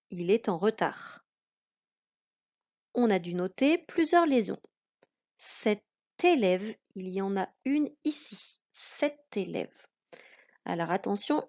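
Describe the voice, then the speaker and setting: A woman's voice: mid-range voice, a little mellow. A woman teaching a reading lesson to children, patient, drawing out each example word. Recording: dull lo-fi sound.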